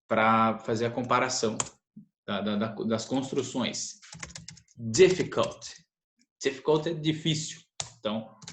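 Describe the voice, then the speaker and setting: A man teaching an English grammar lesson, explaining patiently and repeating the key points. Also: mid-range voice. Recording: echoey room, faint noise.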